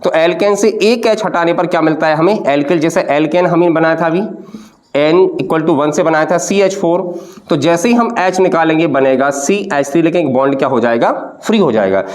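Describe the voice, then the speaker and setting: High-voiced man teaching chemistry. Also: moderate pace. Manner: patient, repeats questions to students. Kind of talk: classroom lecture.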